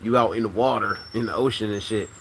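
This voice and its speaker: A man's voice: lowish voice, fairly even intonation, fast talker, slight background noise. A man with a Virginia accent hosting a casual livestream, greeting chat by name and ranting loosely with lots of swearing, his speech a bit thick from a swollen wisdom tooth. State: swollen wisdom tooth, mouth not fully closing. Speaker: livestream host.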